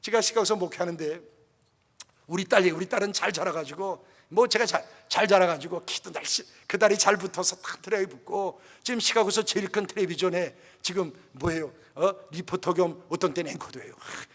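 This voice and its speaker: A man's voice: high-pitched, brisk, fairly bright tone. An older man, a pastor, preaching a sermon with passionate, emotional storytelling. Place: church. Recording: reverberant church hall.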